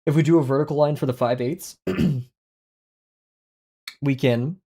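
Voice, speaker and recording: Speaking unhurriedly in a dark, medium-pitched voice with fairly even intonation, this young man chats on a livestream while he draws. His rambling, casual talk is full of fillers and jokes at his own expense, picked up by a headset boom mic in a small room at home.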